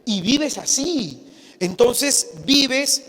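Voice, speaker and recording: A man's voice: very high-pitched, lively intonation, drawn-out words, a bit bright. A man preaching a sermon, calling his listeners brothers and acting out the worried voices of anxious people. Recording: long hall reverb.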